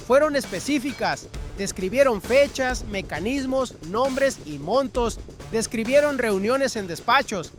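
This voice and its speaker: Very high-voiced man narrating over music. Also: fairly bright tone. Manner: dramatic, emphatic delivery. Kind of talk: scripted narration.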